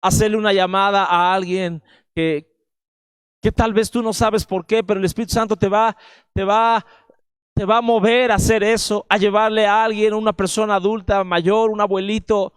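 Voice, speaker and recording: A man with a Mexican accent preaching with strong emphasis, often turning to his listeners with a quick question. His voice sits a little high for a man. The sound is dry and close. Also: little pitch movement, smooth, no room sound. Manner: emphatic preaching, addresses listeners directly with frequent "¿verdad?". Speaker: pastor. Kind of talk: sermon.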